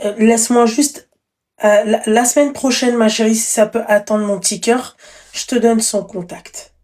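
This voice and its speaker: A woman's voice: a little high, fairly even intonation, normal speed, a little mellow. A woman hosting a casual live call-in chat, talking in French suburban street slang and using affectionate pet names. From Morocco or Moroccan background. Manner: addresses callers with pet names. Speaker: live stream host taking calls.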